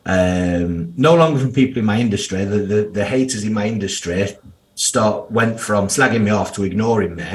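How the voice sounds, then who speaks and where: Speaking at a moderate pace in a fairly low voice, this man in his thirties has a strong Yorkshire accent. He's a financial planner being interviewed on a relaxed podcast, talking bluntly and candidly with slang and occasional swearing.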